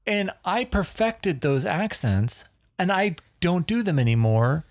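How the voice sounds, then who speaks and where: A man's voice: sits high, big pitch swings, dry recording. Blunt, emphatic man in dry sound. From Northern California. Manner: blunt and emphatic, swears, quick bursts. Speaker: podcast co-host. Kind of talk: casual chat.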